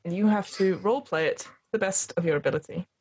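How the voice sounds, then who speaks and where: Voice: medium pitch, quick pace, a little mellow, slight background noise. A game master running a tabletop role-playing game, giving casual instructions and narration to players.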